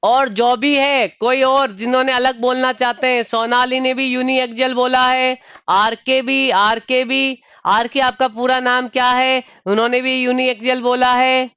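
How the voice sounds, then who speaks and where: A man with a high, smooth voice teaches a live online engineering class, calling on students by name and addressing them as dear. He keeps his delivery steady and even in pitch, and patiently repeats his questions. The sound is dry and a little dull, lo-fi. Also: unhurried, dry recording. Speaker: online exam tutor.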